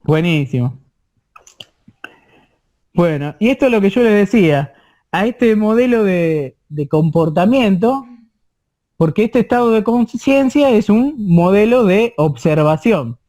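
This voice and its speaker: A man with an Argentine Spanish accent teaching an online course, explaining slowly with many repetitions and checking in with his listeners. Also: high voice, animated, dark tone. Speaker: course instructor.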